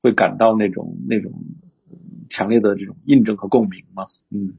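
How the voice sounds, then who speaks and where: A man's voice: fairly low pitch, fairly even intonation, normal speed, vocal fry, breathy edge. A man talking reflectively in casual conversation, with many fillers and restarts. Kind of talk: casual conversational discussion about books. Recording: dull lo-fi sound.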